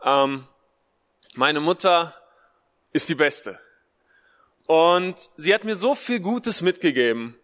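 Speaking slowly with long pauses, this slightly high, bright-voiced man preaches a relaxed livestreamed Mother's Day sermon, his intonation lively. He has a Russian-German family background and lives in Germany. Because of a speech impediment his R stays unrolled, short phrases get repeated for emphasis, and a long hall reverb fills the recording.

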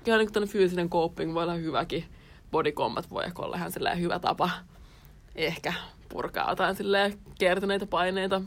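A young woman co-hosting a podcast, thinking aloud in casual chat with frequent fillers. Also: fairly low pitch. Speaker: podcast co-host.

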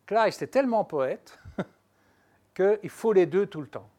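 Translator guy musing in an interview, slow and kinda high-voiced, stops and restarts a lot. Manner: thoughtful, hesitant restarts, animated emphasis. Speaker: literary translator. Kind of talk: reflective interview talk.

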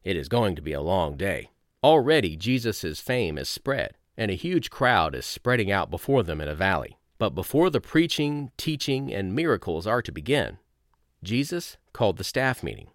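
Man, low and lively, reading course notes point by point, dry close recording. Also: no echo. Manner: measured, reads numbered lists with rising emphasis. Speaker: course lecturer. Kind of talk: reading lecture notes aloud.

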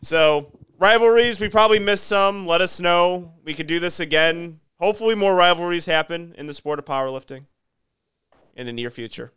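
A man's voice: high voice, normal speed, fairly bright tone, clean tone. A man co-hosting a podcast, rambling casually and repeating words as he talks. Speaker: podcast co-host.

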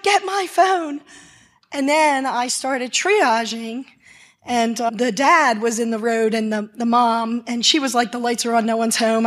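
Woman, emergency doctor, slightly high voice, vivid storyteller who acts out her shouts. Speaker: emergency physician telling a story. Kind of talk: animated live storytelling.

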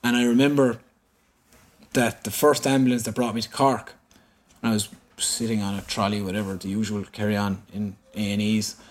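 A man's voice: lowish voice, normal speed. An Irish man, an interview guest, recounting a personal story in conversation and acting out what people said. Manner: animated, quotes dialogue as he recounts.

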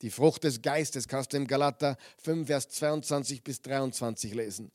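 A man's voice: medium pitch, normal speed, a little mellow, no room sound, clean studio sound. A man preaching a Bible teaching sermon, earnest and emphatic, reading scripture with rising intensity.

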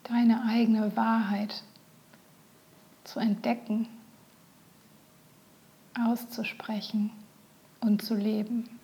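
A woman leading a guided meditation, speaking softly and often in a whisper. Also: a little high, little pitch movement. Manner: slow, soft, often whispered.

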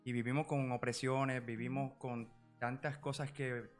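A Puerto Rican man in his forties, a psychology professional, speaking as a podcast guest in a measured way with many filler pauses. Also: mid-range voice, level tone, soft background music. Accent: Puerto Rican Spanish. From Puerto Rico. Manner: measured, full of filler "eh" and "¿verdad?" tags. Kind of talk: podcast interview.

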